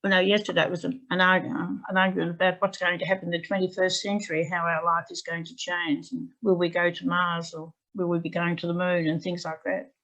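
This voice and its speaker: Chatty gravelly-voiced woman teacher. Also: lowish voice, flat delivery, fairly quick, hardly any pauses, a bit bright. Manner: chatty, rambling, with fillers and restarts. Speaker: English language teacher presenting. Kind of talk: anecdotal presentation to teachers. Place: home. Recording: dull lo-fi video call audio.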